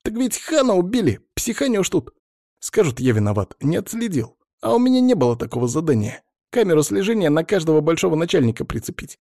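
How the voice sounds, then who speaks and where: Casting: jittery young techie guy, high whiny protests, mellow dry reading voice, put on by a male narrator. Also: big pitch swings, fairly quick, dry recording. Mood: defensive. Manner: whiny, flaring up, nervous protests. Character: jittery young male sysadmin, touchy and defensive.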